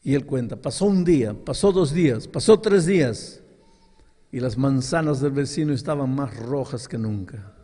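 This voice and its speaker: A man's voice: medium pitch, lively intonation, moderate pace, mellow, slightly rough. A male pastor preaching a sermon, telling a story and acting out its dialogue with dramatic rises in his voice. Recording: long hall reverb.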